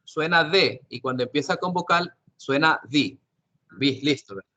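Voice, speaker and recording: Man, teacher, online lesson, patient, repetitive, questioning, bright tone. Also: a little high, normal speed, dull audio. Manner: patient, repeats and asks the class questions. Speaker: English teacher.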